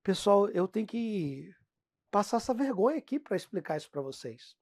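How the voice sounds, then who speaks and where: A Brazilian woman teaching a grammar lesson, talking straight to her class and drawing out example words slowly. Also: mid-range voice, no echo. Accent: Brazilian Portuguese. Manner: lively, talks to the class as "pessoal", drags out example words slowly. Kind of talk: classroom lesson explaining phonetics.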